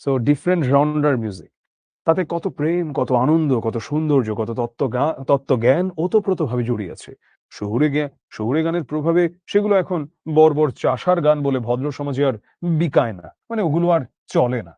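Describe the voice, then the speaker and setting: A man's voice: on the high side, lively intonation, moderate pace, mellow, no echo. A man from Bangladesh, teaching an explanatory lecture, explaining line by line, asking rhetorical questions and checking that students follow.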